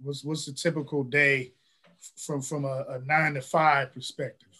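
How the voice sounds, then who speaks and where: A man's voice: mid-range voice, flat delivery, normal speed, sharp tone. A man hosting a podcast, asking a guest questions with a lot of "you know" and repeated words. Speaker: podcast host. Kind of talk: interview questions.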